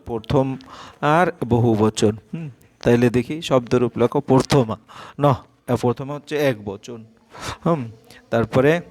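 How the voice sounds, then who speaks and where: Slow, halting Bengali-accented male teacher. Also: mid-range voice, no echo. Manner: slow, halting, with many "ah" fillers while reading out answers. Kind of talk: exam-prep lesson.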